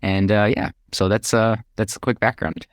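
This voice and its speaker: This podcast guest, a middle-aged real estate investor from Hawaii with an American accent, speaks at a moderate pace in a lowish, level voice. The recording is dry and studio-clean, and he narrates his own experiences in a relaxed way, chuckling now and then.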